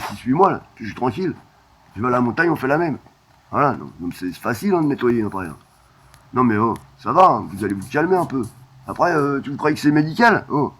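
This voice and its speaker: A man's voice: mid-range voice, fairly bright tone. A man talking in a rambling, disjointed monologue, crude and full of "hein" fillers, drifting from topic to topic.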